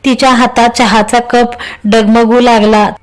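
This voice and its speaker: A woman storyteller reads a romance aloud, scene by scene. Her voice sits fairly high, and she keeps a steady narrating manner. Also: a little slow.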